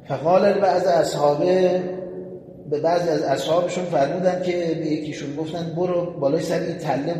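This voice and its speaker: A man preaching a sermon, retelling a story with animation and calling on his listeners to pay attention. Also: on the high side. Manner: addresses the audience directly, animated retelling. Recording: echoey hall with long reverb, faint noise.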